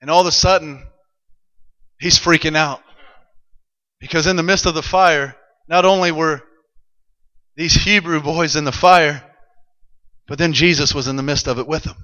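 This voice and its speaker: A male preacher telling a Bible story to a congregation, building from calm narration to excited shouts. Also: on the high side, normal speed, long pauses, highs cut off. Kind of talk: sermon. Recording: long hall reverb.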